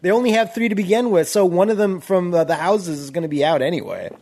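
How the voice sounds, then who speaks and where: A man's voice: high-pitched, quick pace, darkish tone. A man co-hosting a casual chat, joking and riffing on pop-culture comparisons.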